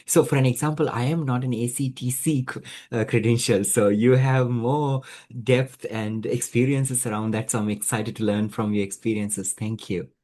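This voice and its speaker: A man hosts an online group session from a video call, his voice at an ordinary middle pitch. He talks in a halting way, full of fillers and restarts as he welcomes each person. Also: fairly even intonation, a little mellow. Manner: hesitant, with many fillers and restarts. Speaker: webinar host.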